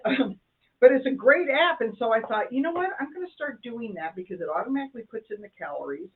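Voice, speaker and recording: A woman's voice: fairly high pitch, animated, fast talker, husky. An older woman co-hosting a casual chat show, chatty and self-deprecating with playful jokes. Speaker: co-host. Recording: tinny phone-like sound.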